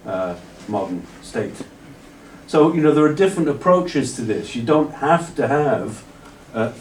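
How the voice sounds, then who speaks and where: A man with a lowish voice answers a question from the audience in a lecture hall, going on at length with frequent restarts and plenty of "you know". Recorded from afar, the audio is roomy with a little hiss or hum.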